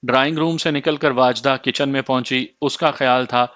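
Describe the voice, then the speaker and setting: A man reading a story aloud as narrator in a steady, measured way, in a slightly muffled dry recording. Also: medium pitch, no echo.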